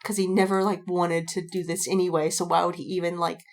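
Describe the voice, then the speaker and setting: A little fast and with little pitch movement, a low-voiced woman co-host rambles through stories during a casual podcast chat. She acts out what people said and swears a lot.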